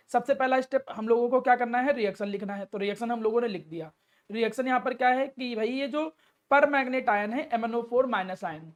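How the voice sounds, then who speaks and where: A woman teaching a chemistry lesson step by step, asking and answering her own questions and affectionately addressing the student. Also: fairly high pitch. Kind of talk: classroom lecture.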